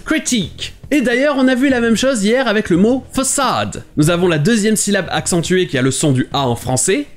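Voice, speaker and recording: High-voiced guy from france doing a little language lesson, clear and methodical, faint music. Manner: clear, methodical explaining, with lively stress. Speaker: English teacher and host. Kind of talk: scripted video lesson.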